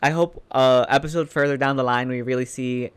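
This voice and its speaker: A man's voice: mid-range voice, fairly even intonation, brisk, smooth. A man giving casual, chatty reaction commentary, informal and emphatic, repeating phrases for emphasis. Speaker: reaction video host.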